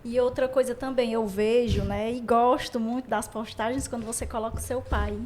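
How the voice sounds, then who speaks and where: A woman's voice: a little high, steady tone, moderate pace, crowd noise. A woman interviewing a guest in a casual, admiring, reflective way.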